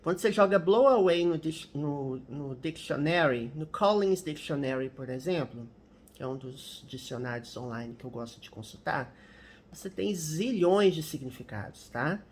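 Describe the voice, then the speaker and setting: A man's voice: on the high side, animated, moderate pace. A Brazilian man teaching an English grammar lesson, explaining example sentences patiently and often checking in with "né?". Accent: Brazilian Portuguese. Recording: roomy echo with faint background noise.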